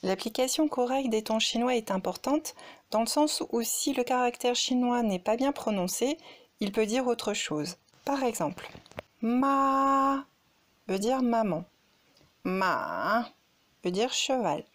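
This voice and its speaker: A woman gives a slow, explanatory lesson, calling out example syllables. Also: on the high side, no room sound. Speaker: Chinese language teacher. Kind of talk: spoken lesson demonstrating tones.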